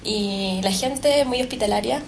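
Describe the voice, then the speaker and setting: A woman's voice: medium pitch, unhurried, gravelly, slight background noise. A woman answering questions casually as a guest on a radio show.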